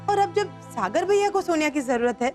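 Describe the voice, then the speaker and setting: An actress playing a sister-in-law who gently explains and makes peace in a TV serial. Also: female voice, sits high, lively intonation, moderate pace, soft background music. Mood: coaxing. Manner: coaxing, explanatory. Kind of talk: TV serial acting.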